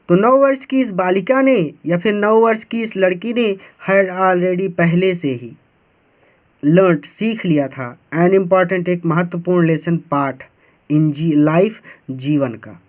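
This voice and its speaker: A man's voice: high voice, dull audio. A man teaching a class lesson, explaining line by line, breaking each sentence into single words and often checking that students follow. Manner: slow, word-by-word explaining with frequent checks.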